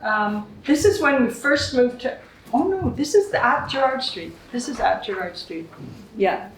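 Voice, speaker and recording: A woman's voice: a little high, lively intonation, unhurried, slight background noise. Older woman telling stories. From Canada. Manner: chatty, laughing often, acts out quotes. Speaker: guest speaker. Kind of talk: anecdotal storytelling to a small group. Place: room with a small live audience. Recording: echoey room.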